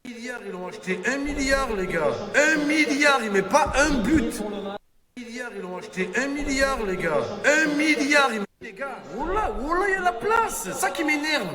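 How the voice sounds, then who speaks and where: A man's voice: very high voice, animated, moderate pace. A man reacting emotionally to a live football match, ranting and repeating himself with profanity, swinging between muttering and screaming. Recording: echoey reverberant room, crowd noise.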